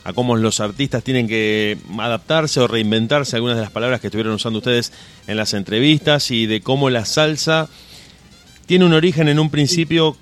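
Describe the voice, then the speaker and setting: A man hosting a radio show, speaking in long, flowing, friendly sentences as he wraps up an interview. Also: mid-range voice. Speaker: radio host.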